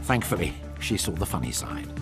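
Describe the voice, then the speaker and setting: A man's voice: low-pitched, very animated, fairly quick, vocal fry. A man reading scripted nature documentary narration with dramatic storytelling. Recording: loud music bed under voice. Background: music.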